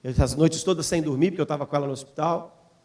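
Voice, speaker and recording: Man, middle-aged missionary preaching in church, high voice, storytelling sermon. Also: fast, a little mellow. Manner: storytelling, acts out quoted voices, rising to fervent appeal. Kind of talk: sermon testimony.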